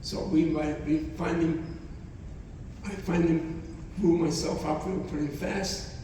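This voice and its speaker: Speaking to students in a college hall full of echo, a Holocaust survivor in his 90s whose first language isn't English shares his testimony. His slightly high voice has a dark, steady tone, and he halts, repeats phrases and speaks with emotion. He's far from the mic, with a bit of hiss or hum.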